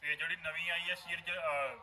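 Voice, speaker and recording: A man's voice: on the high side, flat delivery, a little fast, bright, forceful tone. A man, an actor in a vlog series, earnestly explaining roles to viewers. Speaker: vlogger and actor. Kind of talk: casual chat.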